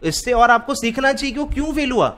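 A man's voice: very high voice, lively intonation, fast, a bit bright. A man, lecturing CS students and scolding them with rhetorical questions. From Maharashtra, India. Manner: scolding, rhetorical, keeps asking if you follow. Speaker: CS exam mentor.

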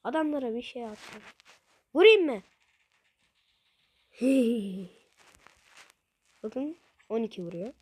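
A playful woman narrating her gameplay to viewers in a high, bouncy voice. She takes her time, drawing out her words unhurriedly, and sounds a little under the weather. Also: slow, long pauses, slightly rough. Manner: playful, excitable, talks to viewers. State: slightly ill, voice a little changed. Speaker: gaming video creator. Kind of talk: casual gameplay commentary.

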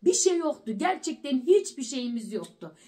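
A middle-aged woman with a high voice tells a story to her vlog audience. She talks casually and with animation, and she repeats words to press a point home. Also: big pitch swings, normal speed, dark tone. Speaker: family vlogger.

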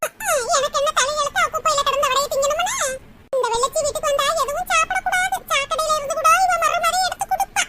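A woman voicing a shrill scolding mother-in-law. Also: distant mic. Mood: furious scolding. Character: scolding middle-aged village mother-in-law. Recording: loud background noise.

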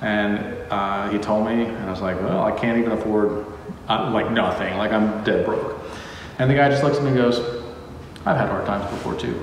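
A man's voice: on the low side, normal speed, a little hiss or hum. A man casually explaining house building and flooring in a rambling, joking way, recorded in a bare house under construction. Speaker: home builder vlogger. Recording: echoey empty room, mic far off.

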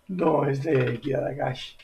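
Gravelly man gushing over gameplay. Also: slow, noisy background. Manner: excitable, repeats exclamations, squeals high when amazed. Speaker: gaming YouTuber. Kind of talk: casual gameplay commentary.

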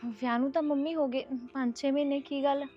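An actress playing a patient young daughter-in-law who talks gently and reasonably, with a Punjabi accent. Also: female voice, sits high, steady tone, a little fast, dull audio, faint music behind, lightly acted. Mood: reasoning.

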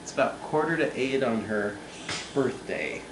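A man, a new father in a hospital room, chatting gently and chuckling as he coos over his newborn. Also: mid-range voice, lively intonation, normal speed. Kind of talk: casual home video chat. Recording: noisy home video.

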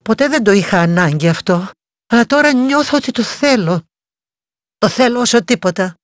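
A woman doing a gentle young princess. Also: expressive, no room sound, clean studio sound, natural voice. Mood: earnest, gentle. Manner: pleading, gentle, higher than narration. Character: young kind-hearted princess, earnest and urgent. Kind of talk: bedtime story reading.

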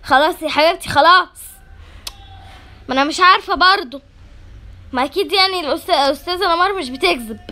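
A woman with an Egyptian Arabic accent voicing a calm, motherly female school principal in an animated doll-game story, consoling in a lowered, soft voice. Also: fast, long pauses. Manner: soothing and motherly, with a firm edge.

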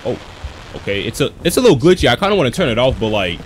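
A man's voice: medium pitch, sing-song, racing, slight background noise, low-quality recording. A young man giving casual, slangy commentary as a scared horror game streamer, jumpy and exclamatory. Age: young adult. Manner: slangy, says "bro" constantly. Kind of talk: casual reactive gameplay commentary. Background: game music and sound.

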